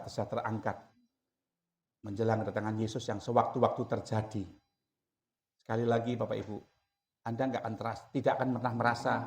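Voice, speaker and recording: A male pastor preaching a sermon to a congregation, talking directly to his listeners and swinging between loud emphasis and hushed asides. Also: lowish voice. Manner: chatty, addresses listeners directly. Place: church service with a congregation present.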